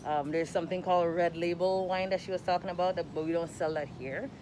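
A woman in her thirties from St. Croix, US Virgin Islands, chats casually in a vlog with her Crucian accent, holding the phone at arm's length. Her fairly low voice is fast, with fairly even intonation. The handheld phone recording is noisy.

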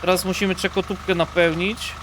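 A man's voice: high voice, little pitch movement, fairly quick, fairly bright tone, a little hiss or hum. A young man giving playful let's-play commentary, joking and talking to the corpse and the game as he plays. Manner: jokey, talks to the corpse and the game. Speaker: gamer streamer.

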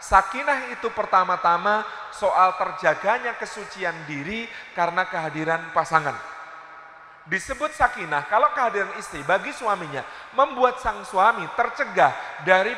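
A man preaching a sermon in a large mosque, telling stories with lively, playful asides to the audience. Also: sits high. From Indonesia. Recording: echoey hall reverb.

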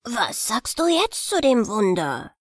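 A woman voicing a proud, eager male sunbeam in a storybook, speaking softly with some whispered words. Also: a little high, wildly swooping pitch, slow, slightly rough, no room sound, studio quality, exaggerated voice. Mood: proud gentle.

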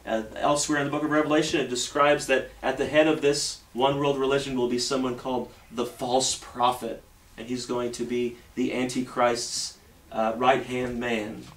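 A man preaching a sermon earnestly, often pausing on fillers and restarting his sentences. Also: mid-range voice, little pitch movement. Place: church sanctuary. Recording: echoey church room, mic at a distance.

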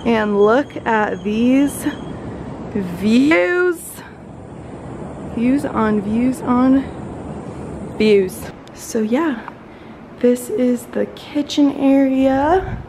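A young woman, a travel vlogger, films a casual house tour of a holiday villa on a phone held at arm's length, moving through indoor rooms and open terraces. She's enthusiastic and chatty and keeps saying "like." Her voice is fairly high, and there's noise in the background.

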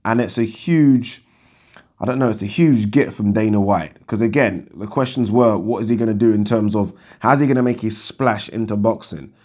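A man speaks in a fairly low, croaky morning voice, as if he has not long been up. He hosts in a casual, conversational style, posing rhetorical questions and checking in with short tags as he goes. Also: moderate pace, dark tone. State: just woken up, croaky morning voice. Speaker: boxing talk show host. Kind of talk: casual commentary to camera. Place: indoors, small furnished room.

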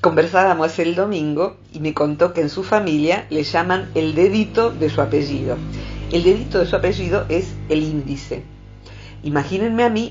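Expressive Rioplatense woman psychologist, lo-fi. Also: fairly low pitch. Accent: Rioplatense Spanish. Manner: expressive, acts out quoted voices. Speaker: psychologist and columnist. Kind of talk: reflective advice talk.

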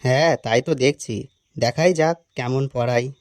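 A man's voice: mid-range voice, moderate pace, dry recording, voice pushed down, natural voice. A man voicing a bumbling male schoolteacher who bluffs his way through class, muttering nervous asides to himself. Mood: flustered. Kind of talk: animated cartoon voice acting.

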